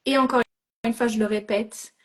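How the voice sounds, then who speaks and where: Her voice sits on the high side, steady in tone and at normal speed. Coaching a participant live, this middle-aged woman is directive and reassuring, often asking "d'accord?" and weaving English phrases into her French.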